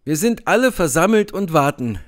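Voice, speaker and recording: A man reading a literary story aloud with lively, dramatic storytelling. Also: on the high side, normal speed. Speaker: audiobook reader. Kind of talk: literary narration.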